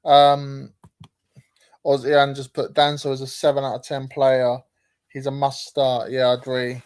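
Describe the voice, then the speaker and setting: A man's voice: mid-range voice, monotone, measured pace, darkish tone, smooth. A man hosts a casual football livestream. He reads chat comments aloud and talks through them with plenty of hesitant ums and restarts. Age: 30s. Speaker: livestream host.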